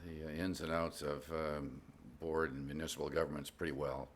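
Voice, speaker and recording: A man introducing himself to a town board as a willing applicant, speaking modestly and haltingly. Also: very deep voice, level tone, a little hiss or hum. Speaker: committee applicant.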